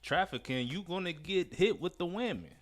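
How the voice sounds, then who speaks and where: A young man co-hosting a casual podcast, animated and slangy, often cutting in on others. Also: sits high, normal speed, soft background music. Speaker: podcast co-host.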